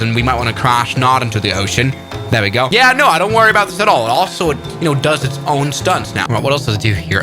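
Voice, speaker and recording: A man giving excited, sarcastic flight simulator commentary as a gaming host, exclaiming and muttering as he plays. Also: medium pitch. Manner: animated, sarcastic, exclaims and mutters while playing. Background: music.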